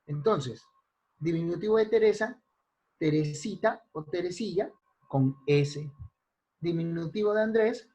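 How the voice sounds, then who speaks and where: Slow, deliberate man teaching spelling. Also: a little high, a little mellow. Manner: slow, deliberate, lists examples and checks in with "¿ya?". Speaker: language teacher. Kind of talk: online spelling lesson. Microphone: computer mic in an online class.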